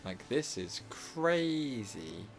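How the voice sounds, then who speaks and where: Speaking at medium pitch with big swings and drawn-out words, a man with a slightly hoarse, sore throat casually talks through his live gameplay stream. He rambles, leaning on fillers and self-corrections, while faint music plays behind him.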